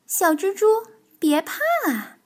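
A woman's voice: very high voice, animated, slow, pitched above the performer's own voice, exaggerated voice. A woman voicing a playful, teasing young male frog in a children's storybook, with a raised, bouncy voice. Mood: cheeky. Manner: playful, teasing, sing-song.

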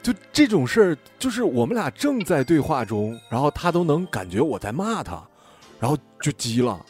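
A man co-hosting a casual podcast chat. His voice sits a little high and swoops up and down with lively energy. He teases bluntly and laughs often. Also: normal speed, husky, faint music behind. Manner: animated, laughing, blunt teasing, swears. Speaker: podcast co-host.

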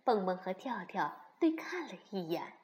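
A woman narrating a children's story in a gentle, expressive way. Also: medium pitch, moderate pace.

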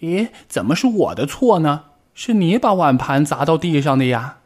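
A little frog child from a storybook who refuses to back down, played by a man. The voice is pitched high, with an odd, altered tone unlike his usual one. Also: unhurried, a little mellow. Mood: defiant. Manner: defiant, answering back. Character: young stubborn frog child.

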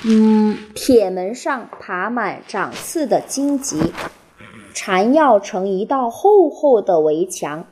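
A mother reading a picture book aloud to her child at home, gentle and expressive. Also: medium pitch, slow, slight background noise.

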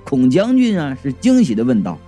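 A man narrating a comic ghost story in a lively, colloquial way, voicing the characters. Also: mid-range voice, a little fast, soft background music.

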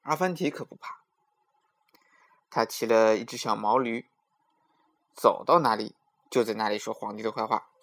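A man telling a folk tale to children in a gentle, sing-song way, asking them questions. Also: on the low side, normal speed, pauses often. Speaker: children's storyteller. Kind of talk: storytelling for children.

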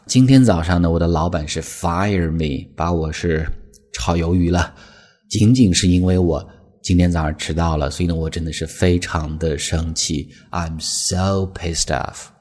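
A man teaching English expressions in a measured, explanatory way, reading the example sentences slowly and clearly. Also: low-pitched, darkish tone.

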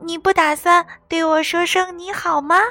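A woman voicing a tiny mischievous male elf in a storybook reading, high, light and teasing. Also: level tone, moderate pace, pushed and bright, faint music behind, heavily acted.

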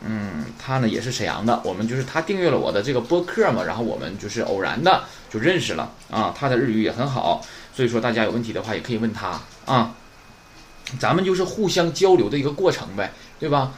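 A man's voice: mid-range voice, sing-song, fast, slight background noise. A man from northeast China who teaches Japanese grammar in a podcast lesson, often asking the listeners questions and then answering them himself.

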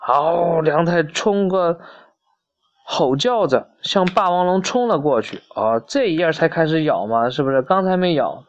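A woman reading a picture book aloud to a child, pausing to ask patient questions in a conversational way. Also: low-pitched, animated, highs cut off.

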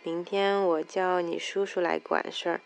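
A woman's voice: on the low side, little pitch movement, normal speed, creaky. A woman voicing a busy, dismissive mother talking on the phone in a story. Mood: brusque.

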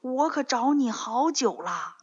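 A woman voicing a kindly old male immortal in a children's story, speaking slowly and soothingly. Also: high-pitched, expressive, slightly rough, heavily acted. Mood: gentle, coaxing. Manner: slow, soothing, drawn-out words. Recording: dull lo-fi recording.

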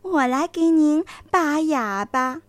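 A woman voicing a cunning male fox in a children's story, flattering and wheedling. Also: very high voice, takes it slowly, dry recording, pitched above the performer's own voice, heavily acted. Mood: sly. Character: sly smooth-talking male fox.

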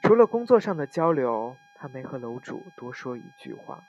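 A man calmly reading a first-person forum story aloud, with the odd slip and self-correction. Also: medium pitch, dull audio. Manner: calm, unhurried reading with small slips and self-corrections.

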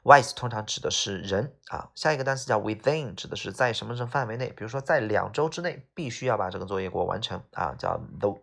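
Gravelly, husky male vocabulary teacher. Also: lowish voice, expressive, fast talker, hardly any pauses, a bit bright. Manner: casual explanations with everyday examples, frequent tag "OK啊". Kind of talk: explaining word by word to students.

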